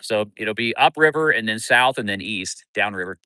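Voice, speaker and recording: Middle-aged and from Kansas City, this Midwestern fishing coach hosts a laid-back livestream by a town river, wandering from topic to topic and calling out to viewers by name. His bright voice is on the low side and comes at a normal speed, captured clean, dry and close.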